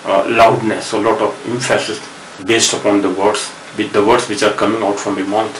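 Older Indian professor, slow patient lecturer who repeats and spells words, recorded from far off with room hiss. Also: male voice, on the low side, little pitch movement. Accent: Indian English. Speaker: professor teaching English word roots. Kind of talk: classroom lecture mixing Hindi and English. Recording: echoey room, distant mic, noisy.

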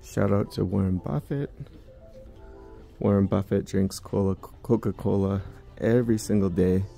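A vlogger films a walking tour of a large indoor department store on a handheld phone, chatting casually and musing to himself. His voice is fairly low and mellow with vocal fry, moving at a measured pace over soft background music.

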